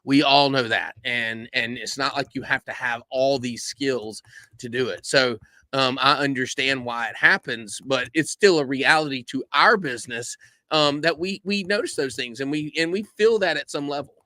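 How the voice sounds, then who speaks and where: A man co-hosting a live show, telling stories in a rambling, animated way full of fillers. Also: medium pitch, moderate pace, dry recording, studio quality. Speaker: podcast co-host. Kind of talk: casual live-stream chat. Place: live-stream studio.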